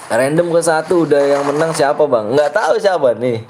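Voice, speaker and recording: A man's voice: fairly high pitch, moderate pace, a little mellow, a little hiss or hum. A young man, hosting a live game stream in casual chat. He argues with viewers and teases them, often breaking into laughter. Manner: argumentative and teasing, often laughing.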